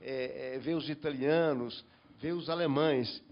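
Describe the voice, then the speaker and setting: In a muffled recording, a panel member from northeastern Brazil speaks at a measured pace with a medium-pitched voice. His comments run long, and he repeatedly restarts his sentences during the discussion.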